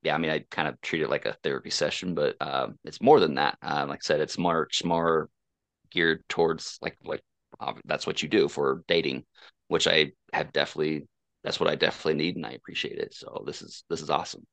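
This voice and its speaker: A soft-spoken man from Oklahoma, appearing as a coaching client and podcast guest, tells a childhood story in casual, personal fashion. His bass voice is steady, brisk and creaky, with no echo. He sounds hesitant, often restarting and using many fillers.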